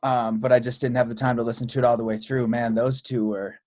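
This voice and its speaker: A man hosting a podcast, talking in a relaxed, loose way with many fillers and restarts. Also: mid-range voice, quick pace, no echo, studio quality. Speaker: podcast host. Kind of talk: casual podcast chat.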